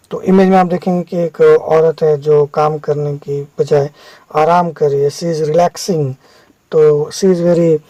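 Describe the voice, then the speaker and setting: A man's voice: a little high, warm tone, dry recording. A man teaching English vocabulary over slides, explaining step by step and checking in with viewers.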